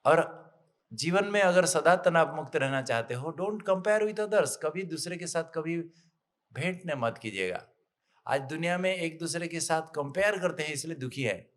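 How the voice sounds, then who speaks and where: A middle-aged man delivers a spiritual talk on stress, voicing each character of a folk tale with sudden, excited raised lines. His voice sits a little high for a man. He keeps the tone lively and encouraging throughout. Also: normal speed. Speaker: doctor giving a spiritual health talk. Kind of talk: storytelling motivational talk.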